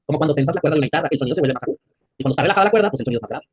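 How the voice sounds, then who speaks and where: A man's voice: on the high side, animated, rapid-fire, breathy edge, dry recording. A man with a Mexican accent teaching an anatomy class, quizzing his students and joking in crude slang. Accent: Mexican Spanish. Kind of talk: classroom lecture.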